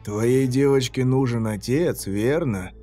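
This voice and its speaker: A man's voice: mid-range voice, slow, mellow. A man voicing a cruel, playful male killer who taunts his victims in a sneering, mocking way, with faint music behind. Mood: taunting.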